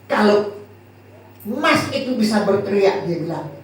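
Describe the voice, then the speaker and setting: A male pastor preaches in a playful, questioning way, his pitch rising and falling widely. He sounds far from the microphone in a very echoey hall, with a faint hiss behind him. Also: a little slow. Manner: lively, jokey, asks the congregation questions. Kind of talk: sermon.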